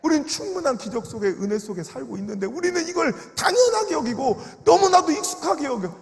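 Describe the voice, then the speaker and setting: A pastor preaches an emotional revival sermon in a large prayer retreat sanctuary, and the recording echoes like a big worship hall. His very high voice swings widely in pitch and moves fast as he tells stories. He acts out grieving people's voices with sobbing cries.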